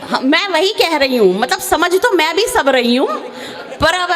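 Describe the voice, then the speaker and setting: Her voice very high and expressive, a female comic poet chats with a live crowd through a microphone in a reverberant hall, the audience audible behind her. The stage comedy poetry recital has her teasing listeners and singing one slow verse.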